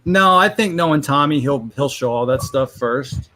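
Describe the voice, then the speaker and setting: A man's voice: a little high, lively intonation, moderate pace, pushed and bright, a little hiss or hum. A man in his thirties, a guest on a livestream panel, explaining himself in frank, rambling casual chat. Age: 30s. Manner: frank, rambling, self-justifying.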